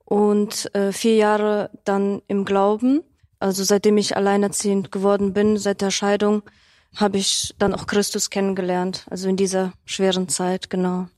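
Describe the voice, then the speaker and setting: A woman's voice: mid-range voice, monotone, moderate pace, a little mellow, no room sound, studio quality. A woman in her thirties telling her story on a panel, hesitant with many fillers. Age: 30s. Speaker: panel guest. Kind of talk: personal testimony in a panel talk.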